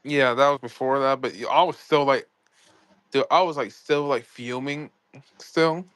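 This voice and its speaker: A man's voice: medium pitch, fairly even intonation, measured pace, fairly bright tone, smooth, no room sound. A young man chatting casually on a livestream, rambling and restarting his sentences, with some swearing. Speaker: co-host, story creator.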